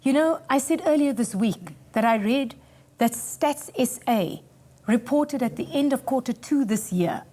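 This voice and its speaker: A woman's voice: high-pitched, lively intonation, a little slow, warm tone. A South African woman speaking as a blunt, stern talent show judge, giving critical feedback to contestants.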